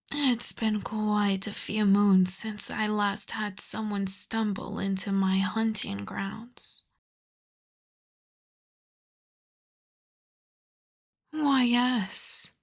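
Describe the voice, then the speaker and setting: A woman playing an ancient aristocratic vampire countess in an ASMR roleplay, soft and breathy with whispers, speaking in a refined, coy, teasing way. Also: mid-range voice, fairly even intonation, takes it slowly. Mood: seductive, refined. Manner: refined, coy, formal old-fashioned phrasing. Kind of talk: ASMR roleplay, slow intimate scripted monologue.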